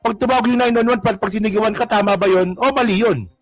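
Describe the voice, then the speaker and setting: A man's voice: high voice, quick pace, no echo, faint music behind. A man with a Filipino accent giving casual political commentary, mocking and rambling as he reacts to clips. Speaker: commentary vlogger.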